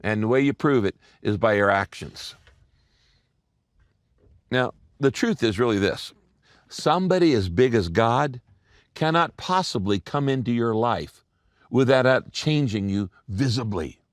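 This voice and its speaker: Man, pastor, emphatic sermon delivery, animated intonation, dry sound. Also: mid-range voice, dry recording. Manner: emphatic preaching with repeated phrases and pauses.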